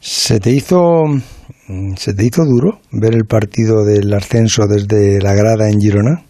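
A man's voice: lowish voice, unhurried, dark tone, no room sound. A man interviewing a guest, asking questions in a casual, colloquial way and chiming in often. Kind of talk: conversational interview.

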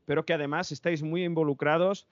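A man's voice: on the high side, steady tone, fast talker, dry recording, muffled recording. A man with an accent from Spain hosting an interview, conversationally explaining and summing up for listeners. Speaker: interviewer, show host.

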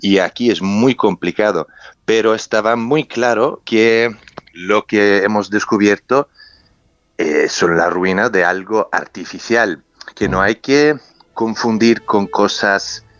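Slow-paced and a bit bright, his lowish voice comes through a dry recording that is also muffled, with music playing behind. The underwater explorer and researcher tells his story as an interview guest. A native English speaker with a foreign accent, he reaches for words and repeats for emphasis.

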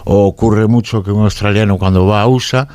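A man's voice: fairly low pitch, fairly even intonation, a little fast, a little mellow, smooth, no echo, clean studio sound. An older man with a Galician accent, talking as a radio contributor on a remote line, often repeating words as he thinks aloud. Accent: Galician Spanish. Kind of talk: radio talk segment.

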